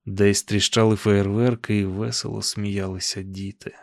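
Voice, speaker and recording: Man calmly narrating an audiobook. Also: fairly low pitch, normal speed, vocal fry, no echo, clean studio sound. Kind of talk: scripted narration.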